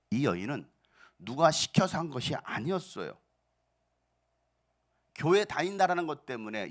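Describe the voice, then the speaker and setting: Lively high-voiced preaching pastor. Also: male voice. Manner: emphatic, rhetorical questions, swings from soft to loud. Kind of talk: sermon.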